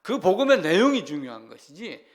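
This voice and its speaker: Guy pastor giving a sermon, kinda high voice, asks the room questions, gets loud then drops to almost a whisper. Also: sing-song, brisk.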